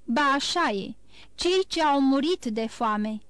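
A woman's voice: sits high, lively intonation, fairly bright tone, no room sound, faint music behind. A woman voicing a grim, curt male bandit chief who speaks coldly and unmoved, in an audiobook. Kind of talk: audiobook reading.

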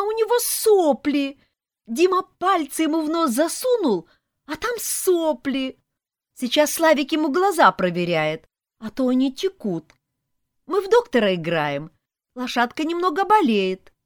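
A woman reading an audiobook voices squabbling little children, whiny, shrill and excited. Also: a little slow, dry recording, clean studio sound.

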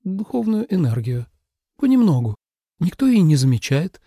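A man doing a young snake-spirit girl in an audiobook, pitched well up and hissing with offended pride. Her voice has a dry, close sound and a gravelly edge. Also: very animated, normal speed, dark tone, no room sound, full character voice. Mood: indignant. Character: young snake spirit woman, proud and touchy.

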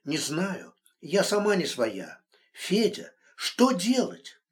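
A man's voice: wildly swooping pitch, takes it slowly, full character voice. A man voicing a distraught young woman, pleading and emotional. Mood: tearful. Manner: pleading, emotional, rising pitch.

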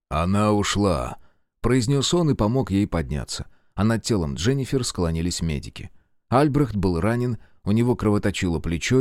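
A man narrating an audiobook with steady, measured storytelling. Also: on the low side, dry recording, clean studio sound. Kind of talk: scripted narration.

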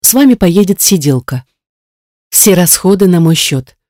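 A reader voicing a kind, generous woman who calmly reassures her grieving friend in an audiobook. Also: medium pitch, a little slow, dry recording, studio quality, natural voice. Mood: reassuring. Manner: soothing, reassuring. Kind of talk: audiobook character reading.

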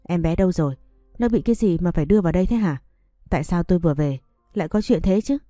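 A woman voicing a stern older mother-in-law who speaks in a sharp, reproachful way. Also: fairly low pitch, expressive, quick pace, no echo, soft background music, natural voice. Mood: scolding.

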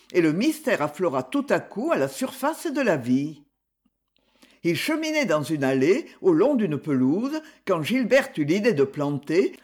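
Expressive audiobook narrator, lively pitch. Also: husky. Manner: expressive literary reading. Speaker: audiobook reader. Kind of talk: scripted narration of a classic novel.

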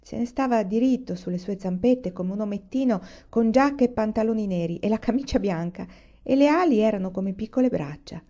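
Woman reading a story, mellow. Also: mid-range voice, fairly quick. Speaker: reader. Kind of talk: storybook read-aloud. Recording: muffled lo-fi recording.

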